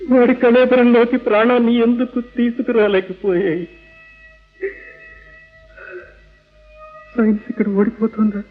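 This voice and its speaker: Anguished father, tinny old radio drama. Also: very high-pitched. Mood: anguished grief. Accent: Telugu Indian. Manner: emphatic, theatrical, mixes English words into speech. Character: rationalist young father, atheist, anguished over his son. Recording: tinny narrow-band old radio recording.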